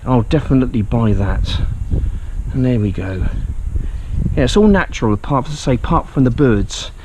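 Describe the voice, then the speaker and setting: Chatty English guy vlogging outdoors, mid-pitched, light outdoor noise behind him. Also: expressive, normal speed, a little mellow. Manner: chatty, self-mocking, rambling. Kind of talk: casual video diary.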